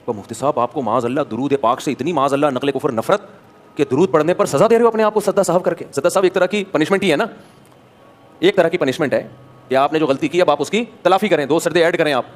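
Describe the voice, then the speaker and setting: A man from Pakistan, a mufti, giving a conversational sermon full of anecdotes, acting out dialogues and asking rhetorical questions. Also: a little high. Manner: animated storyteller, acts out dialogues, rhetorical questions. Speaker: mufti, religious scholar.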